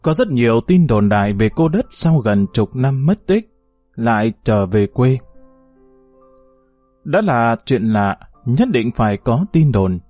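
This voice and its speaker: Guy reading a novel aloud, mellow voice, super lively pitch, soft music underneath. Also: slow pace, no room sound. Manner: expressive storytelling reading. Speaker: audiobook narrator. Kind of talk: scripted novel narration.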